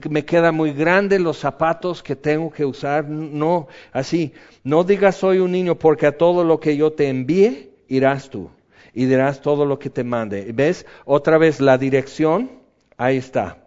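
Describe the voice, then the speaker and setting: A man preaching a sermon in an animated way, acting out quotes with sudden high yelps. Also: a little slow. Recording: dull lo-fi recording.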